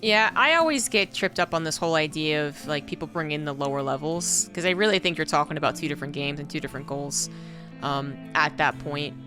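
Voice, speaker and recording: A woman with a fairly low voice casts a competitive game, musing over balance in a relaxed, unscripted way. Music plays clearly behind her. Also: fairly quick. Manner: thoughtful, talks through opinions with fillers. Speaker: esports caster. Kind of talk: casual game commentary and analysis.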